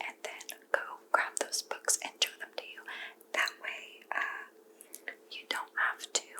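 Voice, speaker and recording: A woman speaks in a hushed library whisper, very slowly and gently. It is a whispered role-play in which she is a helpful librarian, with pauses and halting phrasing. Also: low-quality recording. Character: helpful goth librarian recommending books. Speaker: librarian in a point-of-view roleplay.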